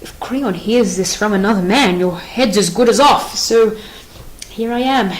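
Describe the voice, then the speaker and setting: A woman reading the part of a nervous, rambling male soldier in an audiobook play, anxious and excitable in manner. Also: mid-range voice, unhurried, lightly acted, low-quality recording.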